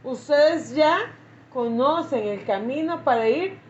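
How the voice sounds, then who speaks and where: A woman pastor teaching a Bible class, reading scripture slowly and repeating phrases for emphasis. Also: high voice, animated, darkish tone, a little hiss or hum. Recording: echoey, muffled lo-fi recording.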